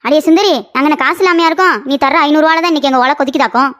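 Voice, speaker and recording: A woman voicing a sharp-tongued mother in a cartoon story, scolding and quarrelling with a neighbour. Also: high-pitched, rapid-fire. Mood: quarrelsome.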